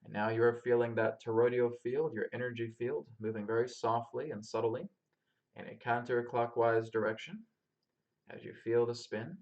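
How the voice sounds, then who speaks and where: A man calmly leading a guided grounding meditation as a spiritual teacher, giving step-by-step instructions to listeners. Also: medium pitch, moderate pace, lo-fi sound. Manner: calm, instructing listeners step by step through breathing. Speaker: spiritual teacher and healer leading a live session.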